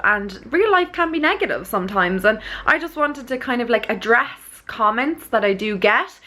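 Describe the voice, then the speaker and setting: An Irish woman vlogs in a mid-pitched voice, talking casually to her viewers. She rambles in an earnest way, circling back to check that what she says makes sense. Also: bright, forceful tone. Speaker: vlogger. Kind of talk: casual chat to camera.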